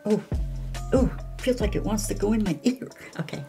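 A woman's voice: medium pitch, normal speed, warm tone, soft background music. An older woman with a grandmotherly old woman's voice, chatting casually and unscripted as she gives her reactions. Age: older, 60s or over. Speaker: reaction video co-host. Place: small indoor room, seated.

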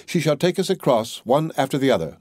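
A man voicing an earnest young girl in a storybook reading, lifting his voice high for her. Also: lively intonation, fast, a little mellow, slightly rough, dry recording, studio quality. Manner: pleading, earnest storybook child voice. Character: young girl, frightened but clever and brave.

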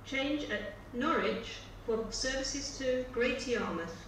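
Female station announcer, slow and formal train station announcement, distant over noisy ambience. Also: high voice, lively intonation. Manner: formal, segmented announcement delivery. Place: train station, over public address speakers. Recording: echoey distant station tannoy with loud ambience.

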